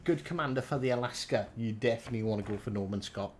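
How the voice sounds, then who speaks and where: A man's voice: medium pitch, fast talker, a little hiss or hum. A man in his thirties with a Welsh valleys accent, chatting casually and jokily on a gaming livestream, swearing freely. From South Wales valleys. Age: 30s. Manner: sweary, jokey. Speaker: live streamer and gaming video maker. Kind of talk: casual banter and game advice on a livestream.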